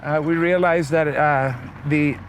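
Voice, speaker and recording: A man's voice: fairly high pitch, steady tone, unhurried, slight background noise. A man from Costa Rica, a guest telling his story in a friendly, talkative way. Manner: friendly, talkative, many restarts. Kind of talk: conversational interview. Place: outdoors in a vehicle. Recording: music playing behind.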